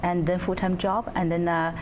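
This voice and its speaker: A woman from China, a guest in a TV studio interview who is soft-spoken and uses many fillers. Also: on the low side, little pitch movement, moderate pace. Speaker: guest, executive director. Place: TV studio set. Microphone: lapel. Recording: audible background noise.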